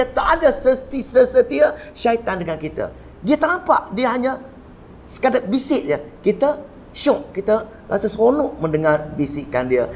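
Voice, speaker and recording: Malaysian male religious teacher, animated lecture style, acts out quotes, faint background noise. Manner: animated storyteller, swinging pitch for quoted voices, repeats words for emphasis. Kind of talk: Quran commentary lecture.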